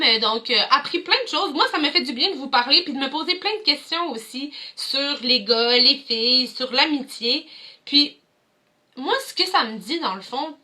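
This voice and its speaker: A young Quebec French-accented woman leads children in a movement activity from her home, indoors, in her role as a cultural mediator. Her high-pitched voice comes across pushed and bright as she cheers them on and speaks directly to those watching.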